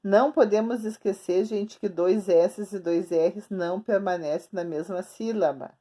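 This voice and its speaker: A schoolteacher records a remote grammar lesson for young children at her screen, writing on the board as she talks. Patient and repetitive, she stretches words out slowly, syllable by syllable, in a medium-pitched, dark voice.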